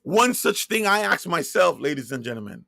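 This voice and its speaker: A Jamaican-accented man from Jamaica delivers a slow sermon-like monologue, pressing his points by repeating key words and spelling them out. He sounds high, very animated, creaky, and bright with a forceful tone, in clean studio sound without echo.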